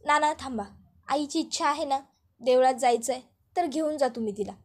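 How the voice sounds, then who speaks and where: A woman's voice: high voice, a little fast, lightly acted. A woman voicing an anxious grown son who presses urgently for news.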